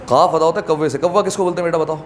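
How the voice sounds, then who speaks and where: High-voiced man drilling Arabic pronunciation. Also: slight background noise. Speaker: Quran recitation teacher. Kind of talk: classroom tajweed lesson. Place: classroom with students.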